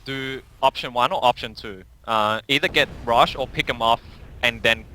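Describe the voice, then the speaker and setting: A man giving analysis as co-commentator on a video game match, thinking out loud with pauses and fillers. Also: mid-range voice, dry recording, rough recording. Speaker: esports co-caster. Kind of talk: color commentary.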